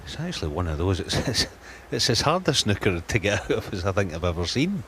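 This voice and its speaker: Man, low deep voice, snooker co-commentator, conversational analysis, faint background noise. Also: big pitch swings, fairly quick, fairly bright tone.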